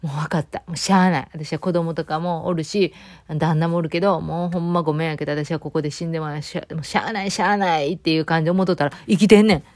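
Middle-aged woman, Kansai accent, casual home chat, rapid, somewhat low voice, dry close sound. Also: no echo. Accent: Kansai Japanese. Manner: chatty, rambling, lively storytelling with many fillers. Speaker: vlogger.

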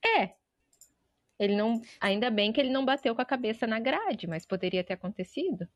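Uma mãe conversando de forma descontraída, ouvida por uma chamada de vídeo, com risadas leves. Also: female voice, fairly high pitch, expressive, fairly quick, no echo. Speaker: guest mother. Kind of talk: casual chat.

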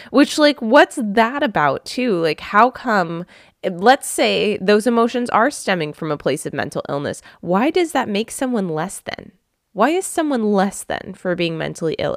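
A woman's voice: fairly low pitch, dry recording, clean studio sound. A woman hosting her own podcast, speaking earnestly and from the heart straight to her listeners. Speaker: podcast host. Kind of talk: reflective solo podcast talk.

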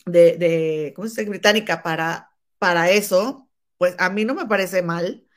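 A woman's voice: lowish voice, unhurried. Chatty woman hosting. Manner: chatty, addresses listeners familiarly. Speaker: host interviewing guests. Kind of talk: conversational live interview in Spanish and English.

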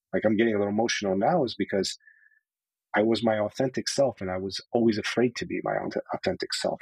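A man's voice: low voice, slightly rough, dry recording, low-quality recording. A man telling his story openly and earnestly as a podcast guest, with many casual filler words. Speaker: podcast guest, sales leader. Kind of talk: candid personal storytelling.

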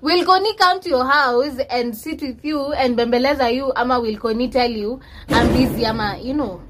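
Kenyan woman podcast co-host, high voice, conversational, mixes English with Swahili slang. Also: normal speed, background noise. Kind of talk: casual chat, mixing English and Swahili slang.

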